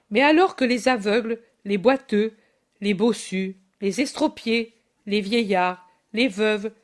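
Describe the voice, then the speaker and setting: A woman narrating a devotional audiobook in a deliberate reading manner. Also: a little high.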